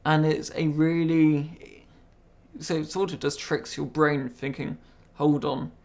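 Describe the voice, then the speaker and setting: In this interview conversation, the interviewee is a young apprentice who stammers, occasionally repeating words as he gives careful, measured replies. His pitch runs somewhat high for a male voice and carries some gravel. Throughout, he holds an even, unchanging tone.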